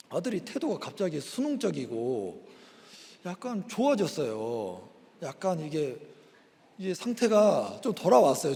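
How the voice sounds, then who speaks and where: A middle-aged man, a pastor, giving an animated sermon testimony and acting out quarrels, then growing quiet and reflective, in a reverberant church hall. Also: mid-range voice, creaky. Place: church sanctuary.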